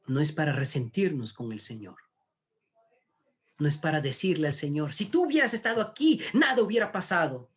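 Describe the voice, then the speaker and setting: A pastor preaching a sermon, slow and emphatic, with rhetorical questions to the congregation. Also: medium pitch.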